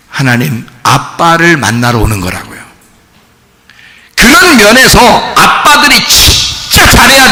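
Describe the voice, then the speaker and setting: A middle-aged male pastor preaching a sermon, lively and acting out voices, with bursts of shouting for emphasis. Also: high voice, creaky. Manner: animated, acts out quoted children and fathers, shouts for emphasis. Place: church sanctuary. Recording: long hall reverb, faint noise.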